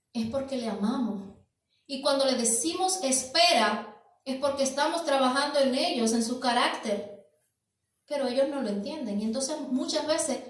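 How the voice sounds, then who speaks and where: A woman preacher giving an evening sermon in church, stressing key words and asking rhetorical questions, with a hall's echo heard from a distance. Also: sits high. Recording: echoey church hall from far off.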